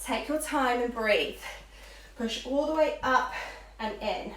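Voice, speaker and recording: Calling out moves and counts in short, upbeat cues, a woman instructor runs a live aerobics workout. Her voice is fairly high and fairly bright, and she speaks slowly. The recording is distant and echoey, with faint background noise.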